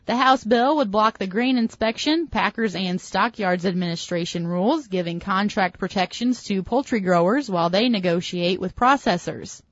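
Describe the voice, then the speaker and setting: A woman's voice: mid-range voice, normal speed, hardly any pauses, dry recording. Woman radio host taped off the air. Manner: steady, even news-reading delivery. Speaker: farm radio show host. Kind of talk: radio hosting and scripted news reading. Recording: dull lo-fi radio sound, dry.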